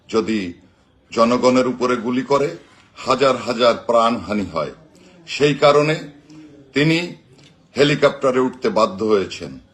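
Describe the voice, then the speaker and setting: A man's voice: mid-range voice, fairly bright tone. A Bangladeshi man giving a rousing political speech. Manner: emphatic, declamatory, slogan-chanting delivery in short measured phrases. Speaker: political party activist addressing supporters. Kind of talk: rousing political speech, live broadcast address.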